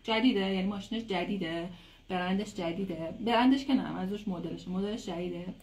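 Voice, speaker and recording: Woman, English teacher, native Persian speaker, casual lesson, chatty, slow careful English examples. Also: medium pitch, a little mellow. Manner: explains chattily, repeats English phrases slowly and clearly. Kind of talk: casual online language lesson.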